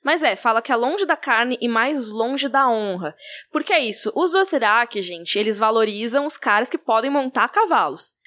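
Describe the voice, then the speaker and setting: A woman co-hosting a casual book-discussion podcast, retelling scenes in an animated storytelling way. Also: on the high side, normal speed. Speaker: podcast co-host.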